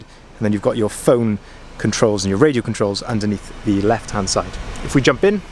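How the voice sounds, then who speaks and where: A man's voice: medium pitch, a little hiss or hum. A man, a car sales manager, giving a chatty, enthusiastic walkaround review of a pickup truck, recorded on a handheld camera. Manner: chatty, enthusiastic, frequent ums and uhs. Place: inside a pickup truck, then outdoors at a dealership yard.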